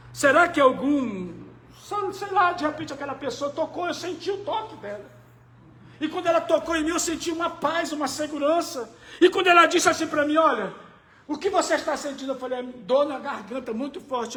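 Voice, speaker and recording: A Brazilian man, a pastor, giving a sermon testimony, moving between hushed storytelling and shouted preaching. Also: very high-pitched, roomy sound. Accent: Brazilian Portuguese. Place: church hall.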